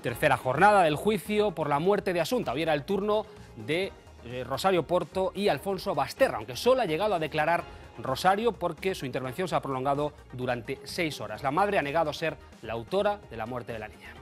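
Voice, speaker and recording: Male news reporter, steady read. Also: a little high, a little fast, soft background music. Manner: steady, informative.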